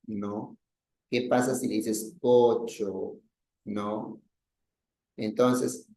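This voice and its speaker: A man's voice: medium pitch, a little mellow. A man teaching a language class, explaining patiently, repeating himself and often checking with "¿no?". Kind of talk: language lesson. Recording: echoey room.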